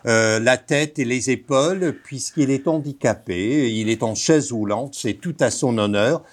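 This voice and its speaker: Slow, deliberate male professor from Texas. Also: mid-range voice. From Texas, United States. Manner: deliberate, lecturing, with fillers and restarts. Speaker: professor, guest. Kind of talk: radio interview.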